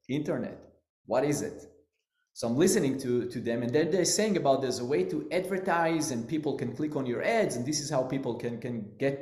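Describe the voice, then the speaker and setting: A business owner guest with an Israeli accent tells his story in an interview answer, speaking earnestly in loose phrasing with non-native grammar. His voice is mid-range with a darkish tone, and the recording has a roomy echo.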